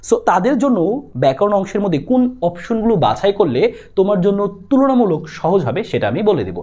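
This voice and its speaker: A man's voice: high-pitched, big pitch swings, quick pace, warm tone. A young man with a Bangladeshi Bengali accent, coaching students through an exam-prep lesson in an urgent, repetitive, coaxing way. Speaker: tutor.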